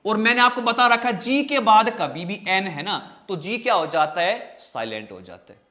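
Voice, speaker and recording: A man's voice: sits high, big pitch swings, pushed and bright. A man teaches English vocabulary in an online lesson. He jokes with his students, calls them brother and child, and drags out each spelling one syllable at a time. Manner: playful, jokey, drags out spellings slowly syllable by syllable; calls students "bhai" and "beta". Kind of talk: online exam-prep lesson.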